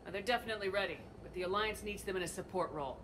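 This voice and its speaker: A woman's voice: mid-range voice, rapid-fire, background noise, natural voice. An actress playing a resolute, commanding woman military commander in a video game. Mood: firm, matter-of-fact.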